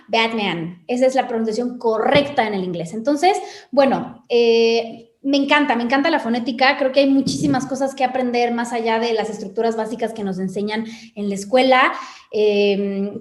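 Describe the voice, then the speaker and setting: Mexican woman, high voice, roomy sound. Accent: Mexican Spanish. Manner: explanatory, uses many "¿no?" tags. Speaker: English teacher. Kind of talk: casual chat.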